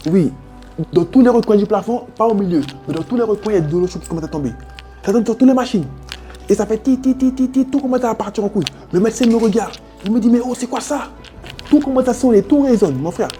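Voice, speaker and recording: A man with a French Guianese accent tells his own story in an interview, animated, slangy and vivid, throwing in sound effects and calling the listener brother. His voice is high and dark in tone, he talks fast with lively intonation, and faint music plays behind him.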